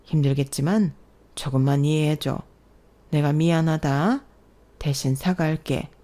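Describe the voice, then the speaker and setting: A woman voicing a kindly older father-in-law in a storybook drama, speaking softly, slowly and consolingly. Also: low voice, fairly even intonation. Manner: soft, slow and consoling. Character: stern older father-in-law, gentle and apologetic.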